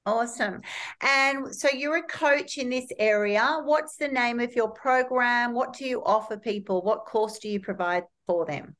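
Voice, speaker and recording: A woman's voice: a little high, measured pace, fairly bright tone. A woman hosting a video call interview, asking friendly, upbeat questions. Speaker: host. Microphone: video call webcam.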